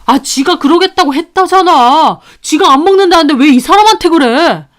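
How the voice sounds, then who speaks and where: A woman voicing a grown son in a storybook who argues loudly and defensively with his mother. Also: high voice, sing-song, brisk, pitched above the performer's own voice. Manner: loud, defensive, arguing.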